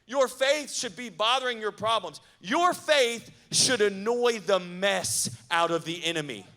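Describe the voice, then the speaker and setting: A man preaching at a youth camp, lively and conversational with asides to the crowd. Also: high-pitched, unhurried, gravelly. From not from the American South. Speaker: youth pastor. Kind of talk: sermon.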